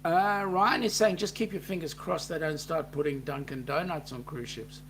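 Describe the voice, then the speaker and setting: A man's voice: on the high side, moderate pace, slight background noise. A man with a New Zealand accent co-hosting a casual live chat, reading out viewer comments with plenty of ums. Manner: relaxed, reads out chat messages with filler ums.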